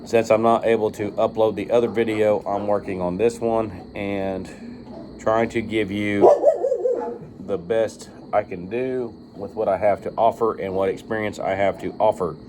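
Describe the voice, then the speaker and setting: A man's voice: fairly low pitch, fairly even intonation, moderate pace, noisy background. A man talking casually off the cuff to viewers as a video reviewer, rambling and informal with some swearing. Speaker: video reviewer of firearm optics. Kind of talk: casual unscripted monologue to viewers.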